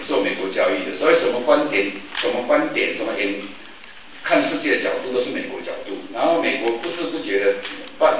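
Fast-talking older man in echoey hall. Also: mid-range voice. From Taiwan. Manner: lively storyteller who acts out quoted voices. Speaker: forum speaker. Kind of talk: storytelling public talk. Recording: echoey hall, distant mic, background noise.

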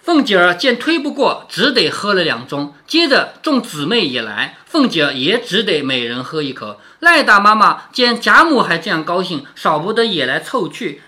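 A man's voice: sits high, sharp tone. A man reading a classic novel aloud and explaining each passage, often asking the listener whether they follow. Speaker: reader and commentator of a classic novel.

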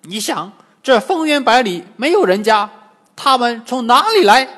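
A man voicing a brash, heroic male monkey king disciple in a storybook reading, loud and insistent. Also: sing-song, a little slow, full character voice. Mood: urgent. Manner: shrill, forceful and insistent. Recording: long hall reverb.

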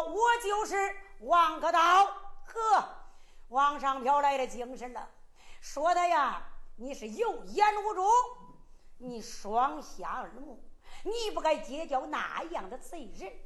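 A woman's voice: high voice, a bit bright. A woman with a Henan accent telling a traditional ballad story in dramatic, exclamatory sung-spoken style.

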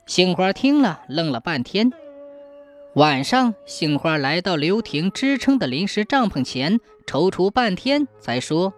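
A woman narrating a folk ghost story in an expressive storytelling manner. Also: lowish voice, a little slow.

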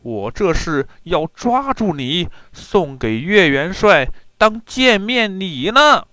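A man's voice: sits high, very animated, takes it slowly, sharp tone, no echo, voice pushed up, heavily acted. A man voicing a sly young fisherman hero who teases and boasts, in a children's story telling. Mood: triumphant. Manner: teasing, boastful.

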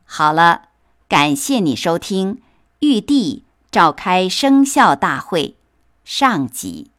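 A woman telling a children's fairy tale at an unhurried pace. Her pitch sits low but swings widely as she reads. Her reading stays gentle and expressive throughout. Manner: slow, expressive storytelling. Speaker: storyteller.

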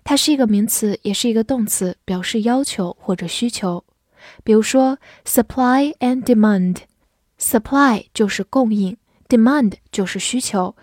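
A woman gives an English vocabulary lesson with a mellow, somewhat high voice. She spells words letter by letter and reads example sentences slowly. The sound is dry and close. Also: dry recording. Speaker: English teacher.

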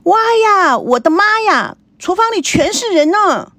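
A woman voicing an excitable, spoiled teenage girl who squeals. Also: moderate pace, no echo. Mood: squealing. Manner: shrill, squealing.

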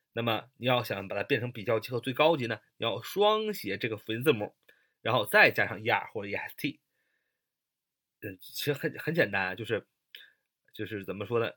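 Husky, lively Chinese English teacher. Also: male voice, mid-range voice. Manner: spells words letter by letter, many fillers. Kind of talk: explaining grammar lesson.

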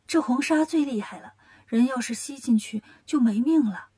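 A woman's voice: high voice, normal speed, mellow, breathy edge. Woman doing a tearful captive queen. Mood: confiding.

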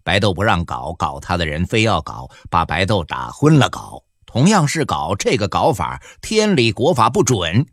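Animated male audiobook storyteller. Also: low-pitched, moderate pace, few pauses, no echo, studio quality. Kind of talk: audiobook narration.

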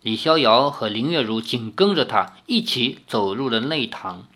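Brief: male storyteller reading a novel, lively animated delivery. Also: mid-range voice, moderate pace. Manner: expressive, dramatic storytelling. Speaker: reader. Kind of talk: reading a martial arts novel aloud.

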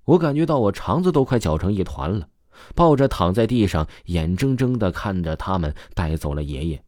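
A man telling an audio story with a very deep, dark voice and animated, swinging pitch. The recording is dry and close, with no room sound. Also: moderate pace, dry recording.

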